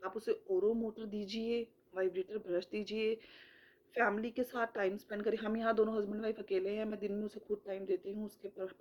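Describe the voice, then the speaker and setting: Earnest mother with a bright, dull-sounding voice. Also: a little high. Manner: earnest, demonstrates sounds slowly and drawn out. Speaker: parent sharing home speech tips. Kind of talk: casual advice vlog.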